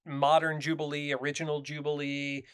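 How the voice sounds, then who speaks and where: A man's voice: a little high, monotone, normal speed, fairly bright tone, smooth. A man guesting on a podcast, telling enthusiastic stories in casual chat with many fillers.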